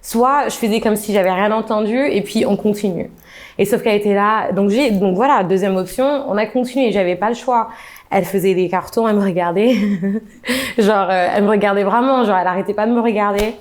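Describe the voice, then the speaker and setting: A woman's voice: mid-range voice, fairly quick. Young woman telling a story casually. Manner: animated, acts out quoted dialogue with laughs.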